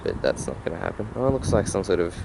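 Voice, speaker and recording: Low-voiced man over loud outdoor noise. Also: very animated, fast, gravelly. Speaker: vlogger. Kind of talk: casual train-spotting vlog commentary. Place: outdoor train platform.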